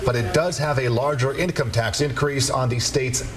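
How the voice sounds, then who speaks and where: A man's voice: medium pitch, moderate pace, a little hiss or hum. A man working as a news announcer, reading a scripted report.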